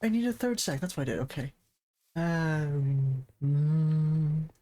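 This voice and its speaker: A man streaming a game from his desk mic, casual commentary that rambles and corrects itself, and he talks fast. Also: a little high, warm tone, slight background noise. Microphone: desk microphone.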